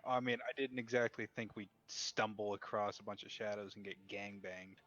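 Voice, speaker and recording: A man's voice: on the low side, steady tone, normal speed, fairly bright tone, no room sound. A man playing a tabletop game, laid-back and often laughing, with hesitant fillers. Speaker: player. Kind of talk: casual tabletop play. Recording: dull lo-fi audio with faint music.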